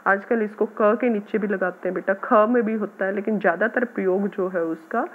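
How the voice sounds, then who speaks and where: A woman teacher patiently explaining a grammar lesson to schoolchildren, sounding out words slowly. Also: mid-range voice, steady tone. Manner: patient, addresses students as "beta", repeats words slowly. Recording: tinny phone-like audio.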